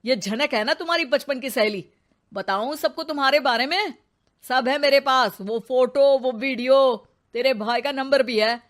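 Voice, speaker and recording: A woman's voice: high-pitched, moderate pace, a bit bright. A woman voicing a taunting cartoon swindler. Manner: taunting, menacing. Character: threatening male cheat, boastful.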